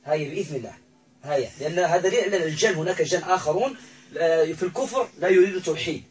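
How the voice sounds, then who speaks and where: A man's voice: a little high, fast, darkish tone, poor audio. A man acting as a ruqyah healer, commanding and repeating himself as he addresses a spirit in an exorcism session, full of religious phrases.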